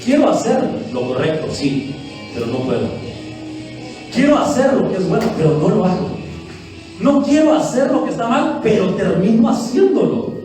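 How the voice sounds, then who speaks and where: A man preaching a lively sermon as pastor, who acts out quotes of church members. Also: high voice, moderate pace. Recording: echoey hall heard from a distance with faint music.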